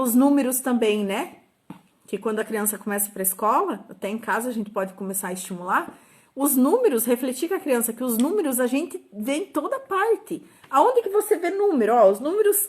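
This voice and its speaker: Middle-aged Brazilian woman teacher with a slightly high voice. Gives patient, informal step-by-step explanations and sounds out syllables. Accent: Brazilian Portuguese. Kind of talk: informal talk on teaching children to read.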